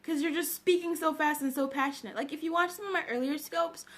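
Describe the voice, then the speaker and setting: Her voice sits high and her pace is quick as this Zambian livestream host, freshly awake, chats casually with viewers. She greets people by name and laughs frequently.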